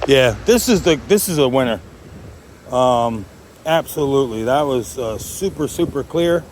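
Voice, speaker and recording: A man with a medium-pitched voice talks off the cuff to his viewers. He rambles in a jokey, conversational way, like a hobbyist making a vlog. There is slight noise behind him. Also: expressive, a little slow, darkish tone. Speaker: amateur radio hobbyist vlogger. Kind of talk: casual chat to viewers.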